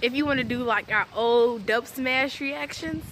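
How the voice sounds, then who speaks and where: A woman's voice: on the high side, moderate pace, fairly bright tone, reverberant, slight background noise. A teenage girl chatting casually with friends for a vlog on a phone camera, giggly and talking over the others. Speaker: vlogger. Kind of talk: casual chat. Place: outdoors near apartments.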